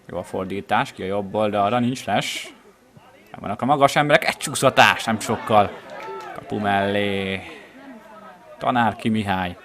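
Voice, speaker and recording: Male football commentator, lowish voice, measured play-by-play that lifts at chances, recorded outdoors at the ground. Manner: measured, rising excitedly at chances. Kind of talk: live match commentary of amateur regional football.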